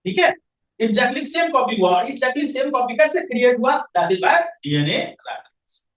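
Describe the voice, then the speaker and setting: A man's voice: very high voice, very animated, measured pace, fairly bright tone. A male science teacher lecturing a classroom, quizzing students and answering his own questions. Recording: echoey room, voice from far off the mic.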